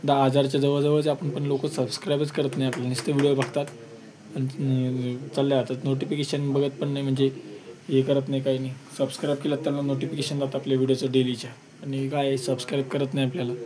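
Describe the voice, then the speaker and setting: A man's voice: mid-range voice, monotone, fast talker, crowd noise. A man vlogging casually at home with his family, chatty and coaxing a small child to talk. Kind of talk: casual home vlog chat. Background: background music.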